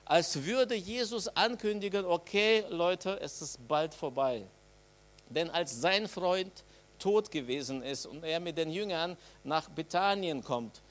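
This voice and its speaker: A man preaching an Easter sermon. He talks to the congregation in a casual, direct way, with colloquial asides, and leans hard on key phrases. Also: high-pitched. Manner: emphatic, swells louder on key phrases.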